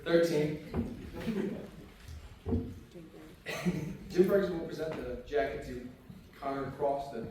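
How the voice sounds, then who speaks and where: A man's voice: fairly high pitch, slow, long pauses. Casual emcee man in a roomy hall. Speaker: master of ceremonies. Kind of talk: ceremony announcements. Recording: echoey hall from far off, noisy.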